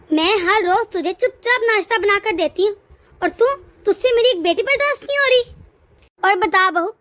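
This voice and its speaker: A stern, lecturing middle-aged mother-in-law from a cartoon family story, voiced by a woman. She nags and scolds in a high, bright voice. The sound is dry and close. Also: no echo. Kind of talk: cartoon voice acting.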